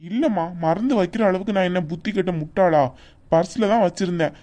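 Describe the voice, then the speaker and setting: In cartoon voice acting, a woman plays a hot-tempered young man who scolds his family in annoyed, indignant outbursts. Her voice is lowish, brisk, mellow and natural.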